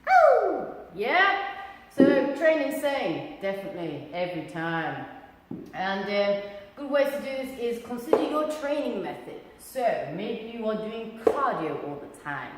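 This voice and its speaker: A woman's voice: mid-range voice, sing-song, measured pace. A woman giving a casual fitness talk as a coach, bubbly and cheeky, with whoops and asides. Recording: echoey hall with faint noise.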